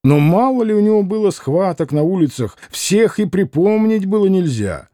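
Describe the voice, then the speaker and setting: Lively man narrating a story, mellow tone, dry close sound. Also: high-pitched, moderate pace, no room sound. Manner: expressive storytelling. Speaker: audiobook reader. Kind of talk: scripted narration.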